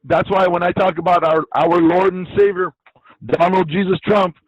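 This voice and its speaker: A man's voice: high voice, fairly even intonation, moderate pace, dry recording. A man from Iraq, an interview guest, talking bluntly and swearing freely. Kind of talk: casual interview talk. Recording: dull lo-fi dry sound.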